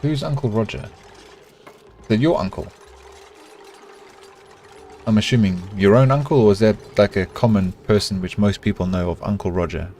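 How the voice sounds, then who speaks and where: On the low side and at normal speed, a middle-aged South African man's voice comes with long pauses and a little hiss or hum. Streaming a colony-building game, he stays relaxed and chatty, talking with his chat and to himself as he builds.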